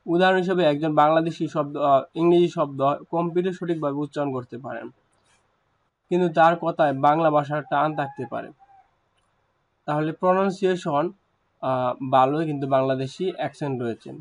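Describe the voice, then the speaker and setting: A man's voice: on the high side, normal speed, long pauses, low-quality recording. Man explaining a language lesson. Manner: hesitant, frequent fillers and restarts. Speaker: language teacher.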